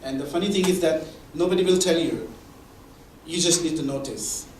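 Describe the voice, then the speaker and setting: A man's voice: fairly high pitch, moderate pace, a little mellow, slight background noise. Man presenting in an echoey hall. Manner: explains with examples, many restarts. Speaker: presenter at a mentoring event. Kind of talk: conversational presentation. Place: meeting room or hall. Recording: echoey room from far off.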